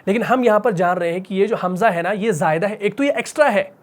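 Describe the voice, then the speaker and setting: A male teacher explaining a rule slowly and patiently. He keeps circling back with rhetorical questions and repeats each point. He sinks to a soft, drawn-out whisper to stress key terms. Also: sits high. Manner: repetitive, asks rhetorical questions; drops to a slow whisper on key words. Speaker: Quran recitation teacher. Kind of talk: classroom-style lesson.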